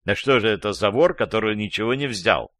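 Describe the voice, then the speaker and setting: A man's voice: on the low side, animated, brisk, fairly bright tone, no echo, studio quality. A man voicing an angry, sarcastic man, a jealous lover, in a read-aloud story. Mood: mocking, angry. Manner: sarcastic, gloating.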